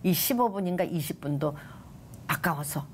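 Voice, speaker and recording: A woman's voice: low voice, lively intonation, normal speed, a little hiss or hum. An older woman, a guest on a television talk show, giving an emotional personal faith testimony that rises and falls dramatically. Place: TV studio.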